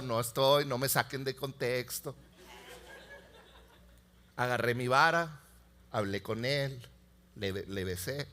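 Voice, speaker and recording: A man, preaching a sermon with animated storytelling that swings from loud to hushed. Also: mid-range voice. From Mexico. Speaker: pastor.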